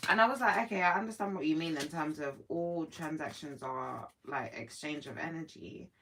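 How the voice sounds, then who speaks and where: A woman's voice: low-pitched, normal speed, fairly bright tone, rough recording. A woman in her morning voice, hosting a casual spiritual live stream and talking reflectively to her viewers. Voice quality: sleepy morning voice. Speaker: livestream host.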